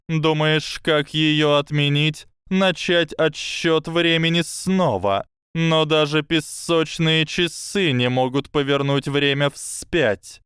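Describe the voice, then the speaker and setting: A man's voice: a little high, a bit bright, smooth, no room sound, studio quality, voice pushed up. A man voicing a sardonic, scheming male snake that hisses its mocking advice. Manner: hissing, mocking, instructive.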